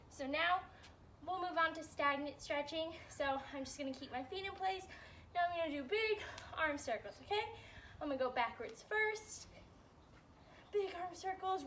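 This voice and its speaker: A young woman teacher leading warm-ups and stretches for kids, upbeat and a bit out of breath, checking in often. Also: extremely high pitch, moderate pace, far from the mic, slight background noise. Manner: upbeat coaching, checks in with "all right?". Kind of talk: guided exercise instruction.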